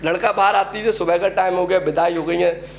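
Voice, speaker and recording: A man's voice: sits high, fairly even intonation, a little fast, a little hiss or hum. A young man from Uttar Pradesh performing a stand-up comedy set at an open mic, telling a story and acting out the people in it. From Uttar Pradesh, India. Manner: storytelling, acts out quoted characters. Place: open mic event venue.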